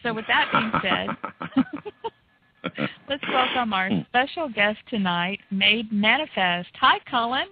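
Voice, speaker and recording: A woman's voice: fairly high pitch, huge pitch swings, takes it slowly, slight background noise. A woman hosting a casual talk show, playful, reading aloud and laughing easily. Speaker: host. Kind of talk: casual internet radio talk. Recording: tinny phone-line audio.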